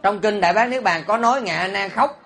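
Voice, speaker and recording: Animated monk preaching. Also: male voice, high-pitched, fast, a faint crowd. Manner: animated, often asks the audience rhetorical questions; teasing and humorous. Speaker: Buddhist monk teacher. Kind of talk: sermon.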